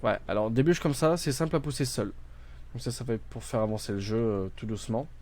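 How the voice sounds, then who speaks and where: A man's voice: mid-range voice, quick pace, a little mellow. A man playing a video game on stream, thinking aloud with many fillers and restarts, reading game text out and translating it. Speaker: gaming streamer. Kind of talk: casual let's-play commentary.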